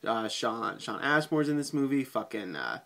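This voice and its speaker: A man's voice: medium pitch, lively intonation, moderate pace, gravelly, fairly bright tone. A man giving a casual video movie review, rambling with frequent swearing, fillers and restarts.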